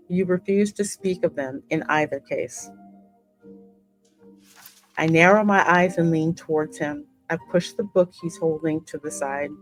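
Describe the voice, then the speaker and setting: A woman with a lowish voice hosts a game playthrough, voicing the player character's lines with theatrical flair and tossing in casual reactions between them. The recording is rough, and game music plays underneath.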